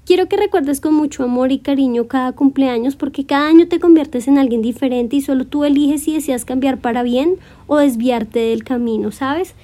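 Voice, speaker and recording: A woman in her twenties hosting a solo podcast, speaking gently and encouragingly straight to her listener in a reflective monologue. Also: high voice, moderate pace, hardly any pauses. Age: 20s. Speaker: podcast host.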